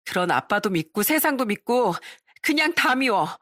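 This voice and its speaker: A woman's voice: on the high side, big pitch swings, normal speed, fairly bright tone, no room sound, studio quality, pitched above the performer's own voice. A woman voicing a rebellious, grieving teenage girl who speaks in tearful, bitter outbursts in a storybook drama.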